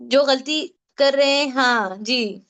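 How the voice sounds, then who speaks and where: A woman teaching a tajweed class online, patiently repeating questions and drilling Arabic sounds slowly. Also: high-pitched, fairly bright tone. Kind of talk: online Quran recitation lesson.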